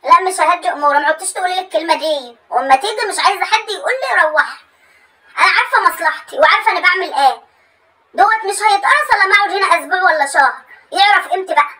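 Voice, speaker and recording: A woman's voice: extremely high pitch, animated, very fast, sharp tone, rough recording. A young woman with an Egyptian accent, complaining emphatically and repeating herself in a comic sketch. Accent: Egyptian Arabic. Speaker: comedy sketch creator. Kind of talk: comedic monologue with phone calls.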